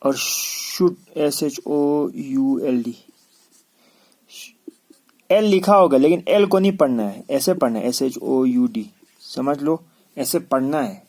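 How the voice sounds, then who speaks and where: Slow, patient male English teacher. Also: medium pitch, animated, a little mellow. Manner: spells words letter by letter and repeats each word. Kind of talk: classroom lesson.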